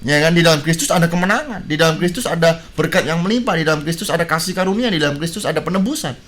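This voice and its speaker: A man, a guest on a radio talk show, telling stories in an animated way with many fillers. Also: on the high side, rapid-fire. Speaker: guest speaker. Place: radio studio.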